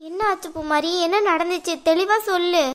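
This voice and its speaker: A woman's voice: very high voice, fairly even intonation, fairly quick. A woman voicing a caring, insistent young village woman in a cartoon, pressing her sister with questions. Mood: coaxing. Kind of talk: cartoon voice acting.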